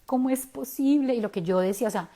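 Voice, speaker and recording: Colombian woman, forties, frank storytelling, slangy, higher voice, mellow tone. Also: quick pace. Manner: candid and animated, slangy asides. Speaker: self-help speaker. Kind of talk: personal storytelling talk.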